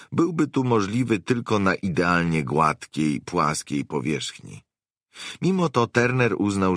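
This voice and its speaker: A man reading an audiobook in a measured, expressive storytelling manner. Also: sits low, dry recording, clean studio sound. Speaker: audiobook narrator. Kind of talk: scripted narration.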